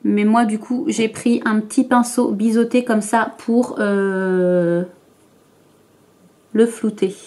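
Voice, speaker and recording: A woman's voice: medium pitch, steady tone, slow pace, dark tone. A woman vlogger talking through her makeup routine to camera, chatty and hesitant, with frequent fillers and restarts. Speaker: beauty vlogger. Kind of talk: makeup tutorial talk to camera.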